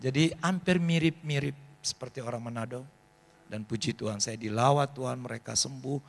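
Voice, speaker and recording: A man, preaching a sermon as pastor and telling animated stories. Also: medium pitch, normal speed, gravelly. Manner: animated storytelling, acts out voices of people in his stories.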